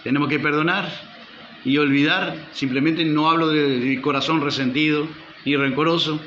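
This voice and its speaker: A man's voice: a little high, fairly even intonation, normal speed, fairly bright tone, a little hiss or hum. A male pastor preaching a sermon, firing rhetorical questions at the congregation and calling for amen. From Uruguay. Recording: roomy, slightly dull church recording.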